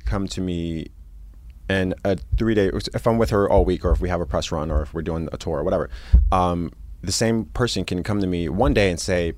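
A man in his thirties, a makeup artist, chatting casually on a podcast and telling animated stories. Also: sits low, fairly quick, dry recording. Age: 30s. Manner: animated storyteller, asks to be honest.

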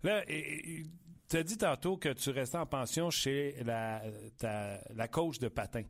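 A man with a Quebec French accent hosting a sports show, chatty and upbeat with drawn-out fillers. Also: medium pitch. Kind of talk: interviewing and chatting.

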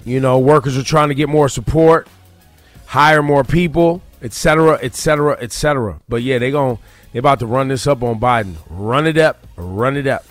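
A man with an American accent and a mid-pitched voice hosts morning radio. He talks casually and emphatically in slang, close and dry on a studio mic over a music bed. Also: normal speed, no echo. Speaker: radio morning show host. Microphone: close studio broadcast microphone.

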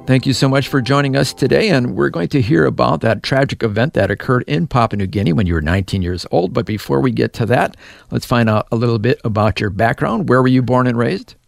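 A man's voice: medium pitch, expressive, a little fast, creaky, dry recording, clean studio sound, soft background music. A man interviewing a guest on a radio program with short, encouraging questions. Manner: brief, encouraging prompts.

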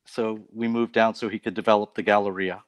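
Man, from Canada, fairly low voice, dry close sound, relaxed storyteller, interview guest. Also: a little fast, dry recording. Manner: relaxed storytelling with light laughs. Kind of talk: casual testimony interview.

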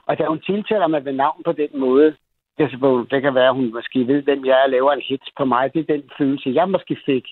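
A man's voice: mid-range voice, dry recording. A man calling a radio show to tell a personal story, agitated and rambling, with many restarts and fillers. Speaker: caller. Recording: tinny phone line.

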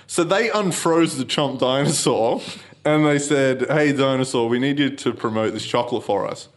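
A man's voice: medium pitch, moderate pace. A man, co-hosting a comedy podcast in a casual joking chat. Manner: joking, acts out silly voices, laughs often. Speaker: podcast co-host.

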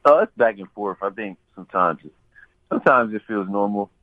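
A young man, a pro ballplayer, interviewed on the radio, talking in a relaxed, rambling way with many fillers. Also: lowish voice, fairly quick, dry recording. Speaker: pro baseball player interviewee. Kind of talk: casual interview. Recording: tinny phone line.

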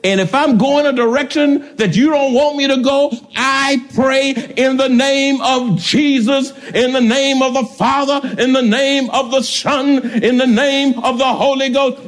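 A man pastor preaching a sermon, shouting out prayers, laughing between lines, speaking. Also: extremely high pitch, fairly even intonation, unhurried, hardly any pauses.

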